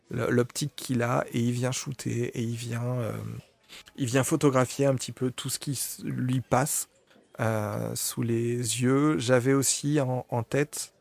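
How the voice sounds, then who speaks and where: A man's voice: medium pitch, vocal fry, a little mellow, dry recording. A man giving an informal spoken talk on photography, hesitant, with many fillers, restarts and apologies. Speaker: photography presenter.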